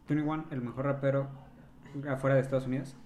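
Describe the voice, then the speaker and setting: Man, podcast co-host, deadpan joker, mid pitch. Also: fast. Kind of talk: casual chat.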